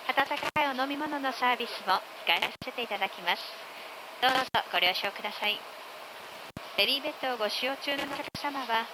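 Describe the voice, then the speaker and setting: Very fast-talking woman on noisy cabin PA. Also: fairly high pitch. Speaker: cabin crew announcer. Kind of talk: scripted in-flight announcement. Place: aircraft cabin. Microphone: cabin PA, picked up from speakers. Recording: cabin PA buried in loud noise. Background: loud cabin noise.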